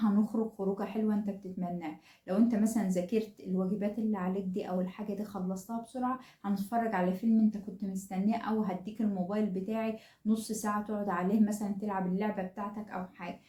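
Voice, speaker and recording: A woman with an Egyptian Arabic accent hosts a casual parenting advice talk, moving quickly and acting out what parents and children might say. Her voice is mellow and warm. The recording has a noticeable echo from the room. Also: mid-range voice, steady tone. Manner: chatty, acts out quoted lines of parents and children.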